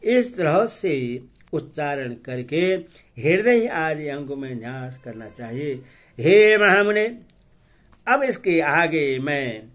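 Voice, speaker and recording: A scripture reader with a voice on the high side reads devotional texts aloud and intones ritual mantras in a measured way. He often fills the gaps between phrases with hesitant fillers.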